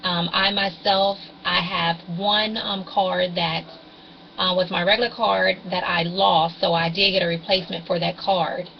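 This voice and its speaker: A woman's voice: lowish voice, steady tone, measured pace, gravelly, lo-fi sound, slight background noise. A woman in her forties vlogging about couponing over a webcam in a rambling, hesitant way with frequent ums, her voice carrying fuzzy distortion. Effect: fuzzy distorted webcam audio. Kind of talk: casual rambling explainer.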